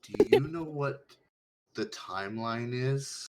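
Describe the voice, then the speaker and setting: A man's voice: medium pitch, takes it slowly, a little mellow, close to an everyday voice. A man voicing an exasperated, foul-mouthed little gnome girl who talks down as if to a child, on a clipping mic. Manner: blunt, condescending, simplifying as if for a child.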